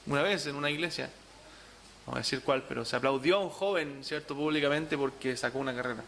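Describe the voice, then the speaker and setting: A man's voice: medium pitch, fast talker, vocal fry, fairly bright tone, a little hiss or hum. A man, a pastor preaching a sermon in church with emphatic repetition and rhetorical questions to the congregation. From Chile.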